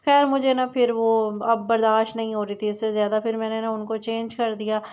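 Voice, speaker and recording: A woman's voice: on the high side, little pitch movement, fairly quick, darkish tone, clear, resonant tone. A young adult woman chatting in a rambling way as she narrates her daily home vlog, with many fillers and restarts. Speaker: vlogger.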